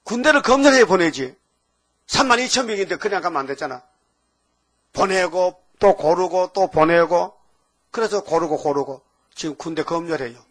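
An older male pastor delivers a sermon in a somewhat raised voice. He keeps firing rhetorical questions at his listeners and swings between low mutters and sudden loud, emphatic bursts. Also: expressive, normal speed.

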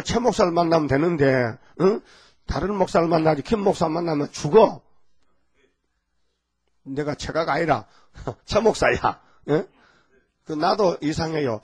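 A man's voice: a little high, breathy edge. An older man, a pastor with a Gyeongsang Korean accent, preaching a rambling, folksy sermon and often checking in with the congregation. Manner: rambling, folksy, constant call-and-response asides.

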